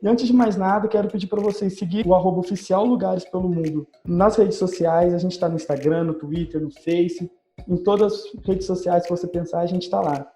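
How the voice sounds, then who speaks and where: A man's voice: high voice, fairly even intonation, brisk, mellow. Upbeat podcast host man in a roomy space. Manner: upbeat, addressing listeners directly. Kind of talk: podcast hosting.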